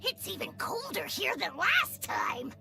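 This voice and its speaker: Teasing witch, very high voice, bright, game music. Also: big pitch swings, measured pace, gravelly, heavily acted. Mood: chilly. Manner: theatrical, teasing. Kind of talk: game voice acting.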